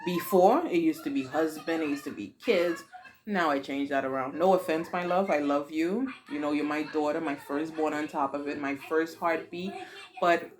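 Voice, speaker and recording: A woman in her forties with a Haitian accent, answering her daughter's questions in casual, expressive chat full of dramatic exclamations. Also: low-pitched, background noise. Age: 40s.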